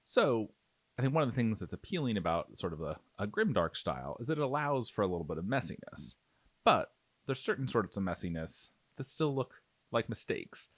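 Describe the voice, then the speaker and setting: A man with a lowish voice narrates a miniature painting tutorial, very animated and fairly quick, with no echo. His explanation is casual and conversational, as though he's thinking aloud while he paints.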